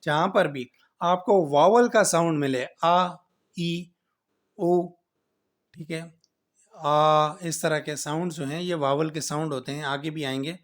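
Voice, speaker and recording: Guy giving a grammar lecture, slightly high voice, slow and repetitive, keeps checking you got it. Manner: explains slowly, repeats points and asks "right?". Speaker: English grammar teacher. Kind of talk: classroom lecture.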